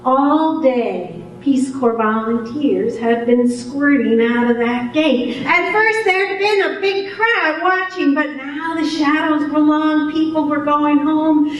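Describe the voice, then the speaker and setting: An older woman telling a first-person story, unhurried and expressive. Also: sits high, highs cut off. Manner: unhurried, expressive delivery with amused laughter. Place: storytelling event hall. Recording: very echoey hall, voice far from the mic.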